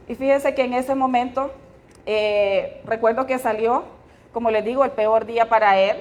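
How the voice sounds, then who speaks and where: A middle-aged woman with a Honduran accent tells her life story to a gathered audience in a slightly high voice. She keeps turning to her listeners with little tag questions as she goes. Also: muffled recording. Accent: Honduran Spanish. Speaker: testimony speaker at a women's fellowship meeting. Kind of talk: personal testimony to a live audience.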